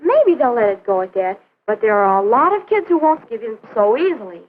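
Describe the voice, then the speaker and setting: A woman's voice: on the high side, sing-song, fairly quick. A young woman acting an outspoken, skeptical teenage girl with an emphatic manner in a 1950s educational film. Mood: skeptical, earnest. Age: teens or young adult. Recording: narrow phone-like 1950s film soundtrack.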